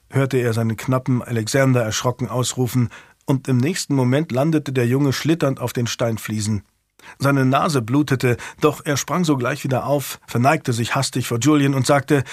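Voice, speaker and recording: A man's voice: medium pitch, no room sound, clean studio sound. A man narrating a historical novel as an audiobook, in a scripted storytelling style.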